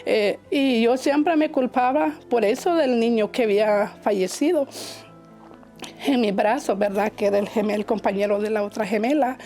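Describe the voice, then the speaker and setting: A woman from Honduras, giving a personal testimony in church in an emotional, halting way, often repeating her words. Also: on the high side, dark tone, faint music behind.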